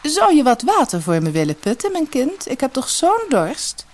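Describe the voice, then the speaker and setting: A stately fairy in disguise, speaking in a measured, lilting, raised voice, put on by a woman reading aloud. The tone is slightly husky. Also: high-pitched, huge pitch swings, pitched above the performer's own voice, full character voice.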